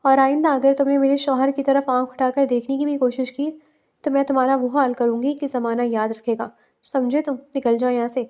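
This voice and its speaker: A woman's voice: sits high, flat delivery, mellow, lightly acted. Woman reading as a fierce protective young wife.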